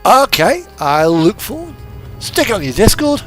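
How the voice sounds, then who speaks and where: Streaming a truck driving game, this man chats with his viewers in a casual, rambling, easygoing way. His voice is high-pitched and sing-song, a bit bright, at a moderate pace, with background music and the game's truck engine behind him.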